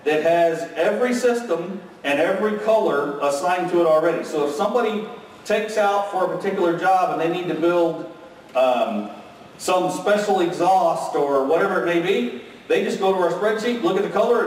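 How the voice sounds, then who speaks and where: A man with a high-sitting voice delivers an energetic technical keynote at normal speed, dropping in "okay?" and "right?" checks. The sound is distant and very echoey, picked up in a big hotel ballroom with an audience.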